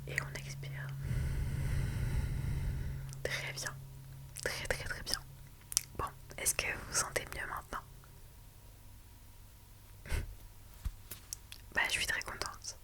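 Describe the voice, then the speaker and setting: A woman whispering softly and slowly in an ASMR roleplay as a reassuring lawyer, with many calm "ok"s. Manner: soft, slow and soothing, with many "ok" and "d'accord". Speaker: lawyer in a client meeting roleplay.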